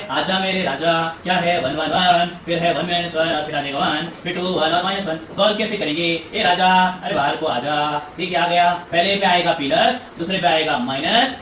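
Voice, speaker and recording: A man teaching maths in a classroom, talking briskly, repeating himself and coaxing students along, heard from a distant mic. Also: on the high side, bright, forceful tone. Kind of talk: classroom lecture. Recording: echoey room, voice from afar, faint hum.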